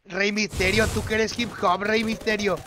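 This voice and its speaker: A man's voice: high-pitched, flat delivery, moderate pace, background noise. A young Mexican man streaming a shooter game, joking and teasing his teammates in slangy banter. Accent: Mexican Spanish. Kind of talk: livestream gaming chat.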